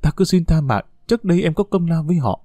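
A man's voice: a little high, expressive, fast, warm tone, dry recording, voice pushed up. A man voicing a frightened young wife and mother who pleads tearfully, in an audiobook. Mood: pleading.

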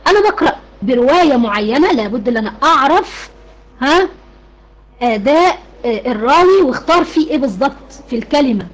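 A woman's voice: high-pitched, animated, fast talker, low-quality recording. A woman with an Egyptian Arabic accent teaching an online Quran recitation class, asking her students questions and then answering them herself.

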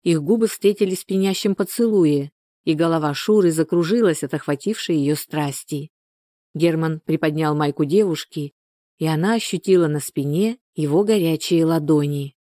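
A woman narrating a novel in an even, measured storytelling manner, close to the mic. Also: sits low, dry recording. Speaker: audiobook reader.

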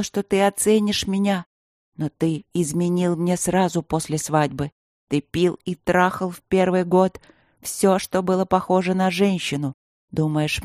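A woman reading a novel aloud, voicing a desperate, furious queen who shouts and sobs accusations at her husband. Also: on the low side, no room sound, clean studio sound, close to an everyday voice. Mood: bitter.

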